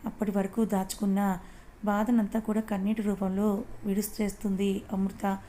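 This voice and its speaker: Woman storyteller, calm even reading, flat pitch, warm dark tone. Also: moderate pace, a little hiss or hum. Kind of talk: read-aloud audio story narration.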